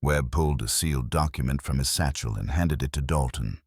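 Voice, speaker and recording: A man narrating a dark fantasy audiobook in a steady, measured storytelling manner. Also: very deep voice, slightly rough, no echo, clean studio sound.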